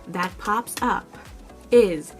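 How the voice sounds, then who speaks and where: A young woman vlogger casually retelling a story to camera in a chatty, expressive way. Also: medium pitch, very slow, faint music behind.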